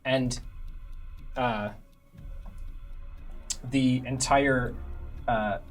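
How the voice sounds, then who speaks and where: Tabletop game master, man, medium pitch, unhurried narration with music behind. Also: fairly even intonation, poor audio.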